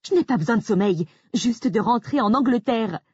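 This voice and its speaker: A woman voicing a frightened young wife who pleads and accuses in a shrill, near-hysterical voice, from an audiobook. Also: lively intonation, moderate pace, darkish tone, husky, no room sound, muffled recording. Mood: panicked. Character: frightened young woman insisting on her story.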